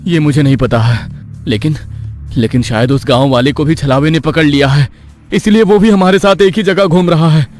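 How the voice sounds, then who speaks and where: A man's voice: fairly high pitch, moderate pace, soft background music, voice pushed up, close to an everyday voice. A man as an anxious young husband. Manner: anxious, excited. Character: nervous young husband driving at night.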